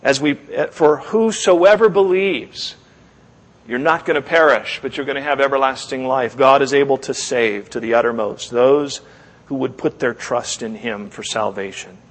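A man preaching as a pastor, closing a sermon with earnest, measured exhortation, pausing and repeating his phrases. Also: mid-range voice, fairly even intonation, fairly bright tone. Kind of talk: sermon with closing prayer and altar call. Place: church service, speaking to a congregation. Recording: long echo of a large room.

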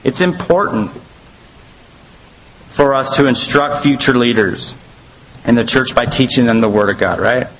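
A man's voice: mid-range voice, a little slow, pauses often, a bit bright, rough recording. Man teaching a casual Bible study. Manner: conversational, rambling, lots of fillers.

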